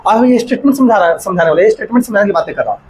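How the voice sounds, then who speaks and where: A man's voice: high-pitched, animated, a little mellow, slight background noise, rough recording. A man teaching biology in a classroom-style lecture, asking rhetorical questions and checking that students follow. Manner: mixes in English terms while dictating notes slowly.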